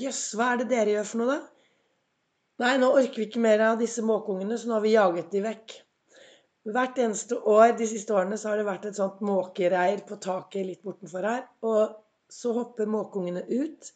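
A woman hosting a motivational podcast, a little hoarse from a cold, telling stories and asking her listeners reflective questions. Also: mid-range voice, mellow. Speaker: podcast host.

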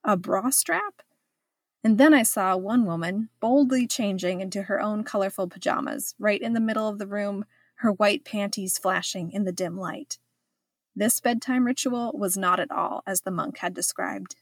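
A woman's voice: mid-range voice, moderate pace, no echo, studio quality. A woman reading her own travel memoir aloud in scripted first-person narration, reflective with a wry edge.

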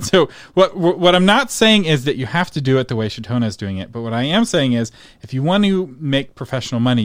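A man with a mid-range voice hosts an interview, making his points emphatically and laughing easily, with coaching asides along the way. There's no room sound on the recording.

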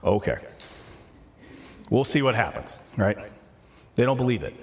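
A man's voice: on the low side, big pitch swings, a little slow. A man preaching a sermon, talking through scripture casually and often restarting his sentences. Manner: conversational, self-correcting, talks through scripture casually. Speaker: pastor.

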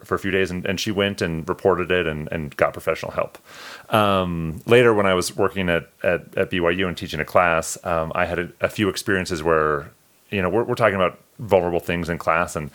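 A man's voice: low-pitched, a bit bright. A man co-hosting a podcast, telling heartfelt personal stories in an earnest, emotional way. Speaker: podcast co-host. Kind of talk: casual podcast chat.

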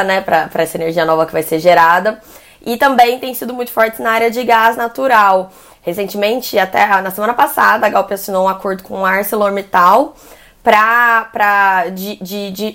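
A Brazilian woman journalist delivers energy sector commentary at a mid pitch. She talks in a loose, conversational way, often restarting phrases and adding fillers as she explains. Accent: Brazilian Portuguese. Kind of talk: news commentary.

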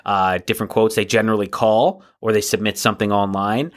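A man co-hosting a casual business podcast, talking in a relaxed way and often checking in with "right?". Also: lowish voice, brisk. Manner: relaxed, tags sentences with "right?". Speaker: podcast co-host.

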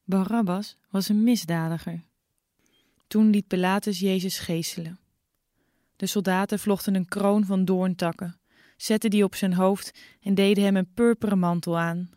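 A woman narrating a dramatized scripture reading in a measured, clear way. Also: mid-range voice, fairly even intonation, dark tone, no echo, clean studio sound. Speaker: scripture reader.

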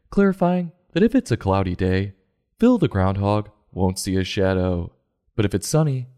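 A man's voice: low-pitched, dark tone. A man hosting a comedic review show, narrating and commenting in an irreverent, sarcastic, profane way.

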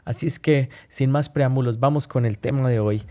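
A man hosting a podcast, telling a story, often pausing on "eh" and correcting himself. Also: mid-range voice, dark tone, faint music behind. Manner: unhurried, with frequent "eh" fillers and self-corrections. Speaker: podcast host. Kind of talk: reflective storytelling monologue.

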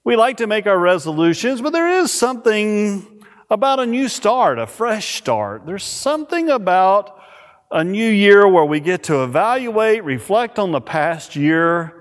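A pastor preaching a sermon at a pulpit microphone in a church, reading scripture and praying in a measured, emphatic way. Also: male voice, sits high, big pitch swings. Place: church sanctuary. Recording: reverberant church hall.

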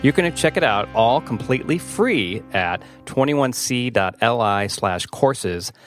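Faint music plays behind this education podcast host, who conducts a conversational interview with meandering, restarted questions and then reads a promo. His voice is mid-range with lively intonation, and he speaks unhurriedly.

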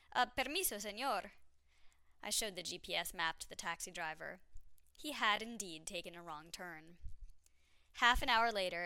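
A woman's voice: medium pitch, vocal fry, sharp tone, smooth, no echo. A woman narrating her own travel story in a candid, wry, self-mocking way.

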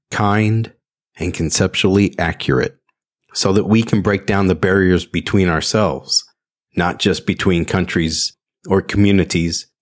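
Low-voiced man, earnest and deliberate. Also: darkish tone. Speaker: podcast host, interpreter. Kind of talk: scripted solo podcast talk.

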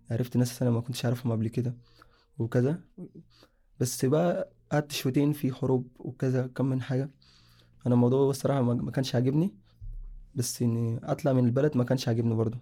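A young Sudanese man with a mellow, mid-range voice appears as a guest sharing a personal story. He tells it casually and ramblingly, frequently correcting himself mid-sentence.

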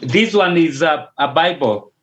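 Speaking at a measured pace with lively intonation, this Kenyan pastor, a native Luo speaker, has a fairly high, slightly bright voice. He responds to interview questions over a call haltingly, often repeating himself and starting words over, on dull lo-fi audio.

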